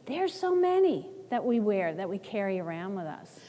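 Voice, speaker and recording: A woman's voice: mid-range voice, big pitch swings, normal speed, dark tone, in a large hall. A woman from the northern United States leading a workshop, conversational and checking in with her audience. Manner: conversational, asks "right?". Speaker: workshop presenter. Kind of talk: workshop presentation.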